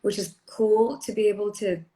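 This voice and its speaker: A woman, an actress, chatting earnestly on a phone livestream from a hotel room, quick to laugh. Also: medium pitch, fairly even intonation, dark tone, roomy sound. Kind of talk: casual livestream chat.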